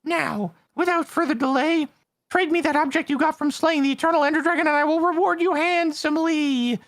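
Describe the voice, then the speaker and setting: High villain voice, slow theatrical menace, scheming trader, gloating game character, close dry sound. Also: male voice, steady tone, fairly bright tone, no echo. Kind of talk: reading game dialogue in character.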